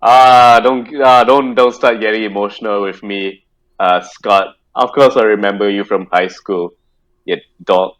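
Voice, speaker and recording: A man's voice: lowish voice, fairly even intonation, unhurried, a bit bright, poor audio. A man voicing a brash, playful young woman who mocks and teases in a tabletop role-play. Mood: teasing. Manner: mocking, jokey.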